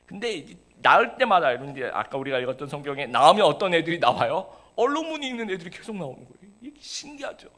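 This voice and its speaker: Man preaching a lively conversational sermon. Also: a little high, fast talker, hardly any pauses. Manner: conversational preaching with frequent fillers and acted quotes. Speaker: pastor. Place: church service.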